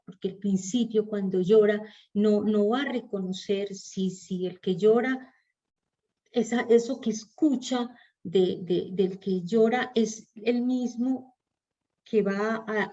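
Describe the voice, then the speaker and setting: A woman's voice: medium pitch, fairly even intonation, measured pace, mellow, highs cut off. A woman with a Colombian Spanish accent giving an online class lecture, reasoning aloud and often restarting her phrases.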